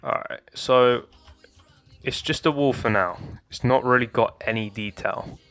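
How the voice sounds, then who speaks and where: Faint music sits behind a young man whose voice is slightly hoarse and fading as he casually guides viewers, whom he calls "guys," through a Minecraft building tutorial. His pitch is medium, his pace a little slow, and his tone a bit bright on a dry recording.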